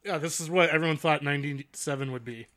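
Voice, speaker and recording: A man's voice: on the high side, quick pace, fairly bright tone, no echo, studio quality. A man making casual, silly interjections as a co-host commenting on a film.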